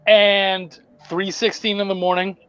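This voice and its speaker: A man's voice: high-pitched, a little slow, smooth, no echo, highs cut off, soft background music. A man, a comic book writer guesting on a podcast, telling a story in casual chat with lots of swearing and restarts. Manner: profane, rambling, animated retelling with restarts.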